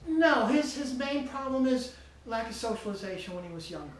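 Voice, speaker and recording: A woman dog trainer calmly explaining her training and patiently encouraging a dog with frequent praise. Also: a little high, a little fast, roomy sound, far from the mic.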